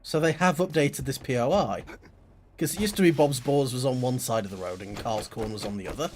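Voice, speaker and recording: A man's voice: medium pitch, brisk. A man streaming a game live, chatting loosely and goofily to his audience from a home setup. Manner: chatty and goofy, rambling to chat. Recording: steady background noise.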